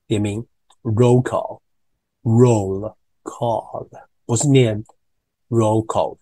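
A man's voice: lowish voice, warm tone, breathy edge, no echo. A man with a Taiwanese Mandarin accent hosting an English-teaching podcast, explaining English phrases in Mandarin and repeating words to drill their pronunciation. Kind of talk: casual teaching talk.

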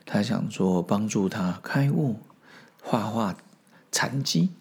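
Gravelly low-voiced male podcast host. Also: slow pace. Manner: relaxed, explanatory, with frequent fillers. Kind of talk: storytelling commentary on Zen koans.

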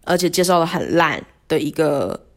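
A woman telling a work story in a casual solo podcast, animated and rambling, with rhetorical questions. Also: moderate pace. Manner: animated storytelling, acting out quotes in a higher voice. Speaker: podcast host.

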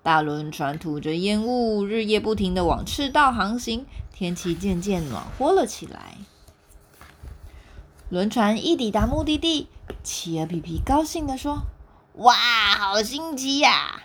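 A woman tells a children's story in an unhurried, gentle way. Her voice is soft and a little breathy, sitting at a middle pitch. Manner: gentle, expressive storybook narration. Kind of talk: reading a picture book aloud.

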